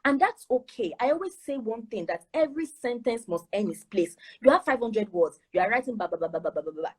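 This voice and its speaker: Emphatic Nigerian woman, husky voice. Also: fairly high pitch, lively intonation, brisk. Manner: emphatic, rhetorical questions, repeats words. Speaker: guest speaker on admissions. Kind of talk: advice talk on an online show.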